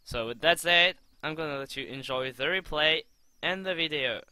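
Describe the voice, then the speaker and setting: A young man commenting on his own gameplay replay, excitable and swearing, with lots of stumbling restarts, on a home desk mic. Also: a little high, moderate pace. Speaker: gaming channel host.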